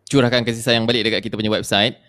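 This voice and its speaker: A middle-aged man with a Singaporean accent co-hosting an informal live-stream chat, explaining things haltingly with repeated words and switching into English. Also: fairly low pitch, flat delivery, fairly bright tone, no echo. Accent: Singaporean Malay-speaking. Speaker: co-host presenting online Islamic courses.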